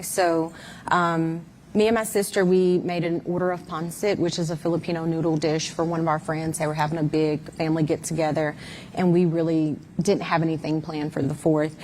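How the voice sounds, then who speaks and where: Low-voiced woman recounting events. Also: a little hiss or hum. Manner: candid and emphatic, with filler-laden retelling. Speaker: interview guest, mother of a missing son.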